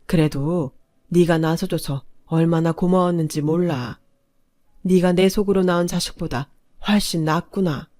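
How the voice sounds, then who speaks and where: Brief: frail sorrowful grandmother, gentle and resigned, read by a woman. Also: on the low side, a little slow, lightly acted. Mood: sad.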